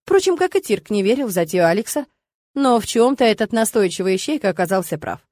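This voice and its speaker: A woman narrating a romance audiobook in an even, measured storytelling manner. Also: mid-range voice, dry recording. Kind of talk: scripted narration.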